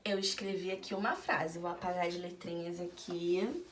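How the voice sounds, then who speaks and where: A woman teaching a reading lesson to young children in a slow, sing-song teacher voice, asking questions and answering them herself. She speaks Brazilian Portuguese. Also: lowish voice, a little hiss or hum.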